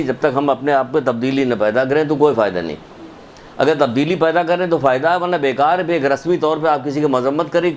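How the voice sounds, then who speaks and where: A man's voice: mid-range voice, darkish tone. An emphatic male preacher delivers a sermon that weaves in a story. He repeats his points and presses the listeners with rhetorical questions. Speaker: religious lecturer.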